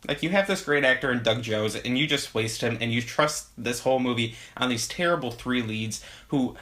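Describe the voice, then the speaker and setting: A man's voice: medium pitch, normal speed, bright, forceful tone. Sarcastic young man reviewing a movie. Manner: sarcastic, laughs while talking. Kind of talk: casual video review.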